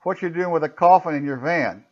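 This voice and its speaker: A man's voice: fairly high pitch, a little fast, a little mellow, highs cut off, pitched above the performer's own voice, close to an everyday voice. A man voicing a wary, by-the-book male police officer who speaks in a firm, commanding way.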